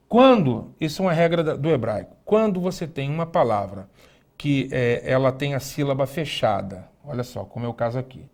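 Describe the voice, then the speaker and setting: A man, teaching an online lesson and speaking directly to the student, slowly spelling out and repeating words. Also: mid-range voice, darkish tone. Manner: didactic, addresses the student directly, slow careful spelling-out of words. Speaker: Hebrew teacher.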